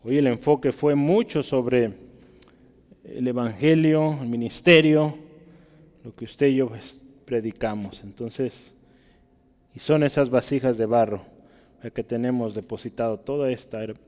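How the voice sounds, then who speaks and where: Preacher in a long-echoing hall. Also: male voice, a little slow, darkish tone. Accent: Mexican Spanish. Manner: reads scripture aloud, often asks "¿verdad?"; rises sharply in pitch and volume when reading verses. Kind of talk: sermon. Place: church hall.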